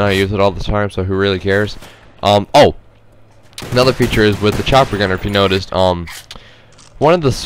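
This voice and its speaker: Stuffed up with a head cold, a gameplay commentator sounds nasal and hesitant as he rambles through casual, unscripted game commentary. His voice is lowish, and there's slight background noise.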